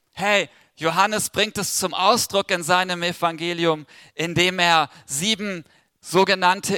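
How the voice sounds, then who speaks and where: A man delivers a sermon to a church congregation, talking into a handheld microphone. His voice sits a little high and sounds bright and forceful, with a dry, close sound. He keeps drawing the listeners in with questions and light jokes. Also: no room sound. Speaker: preacher.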